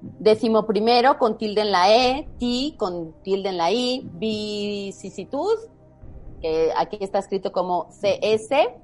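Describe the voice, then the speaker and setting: A woman's voice: medium pitch, a little slow, a little mellow. Woman from spain walking people through spelling rules, patient, music faint behind. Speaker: spelling quiz guest expert. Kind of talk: casual explanatory chat.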